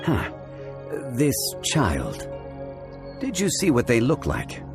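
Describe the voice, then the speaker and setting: A man playing a calm, courteous, learned gentleman in a video game, speaking formally and deliberately. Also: medium pitch, over music, exaggerated voice. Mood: thoughtful. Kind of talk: video game character acting.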